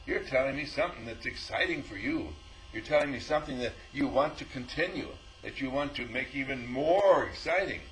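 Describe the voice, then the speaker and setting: A man with a mid-range voice talks a little fast in an informal spiritual teaching, animatedly telling stories in which he acts out both speakers and chuckles a lot. The audio is poor.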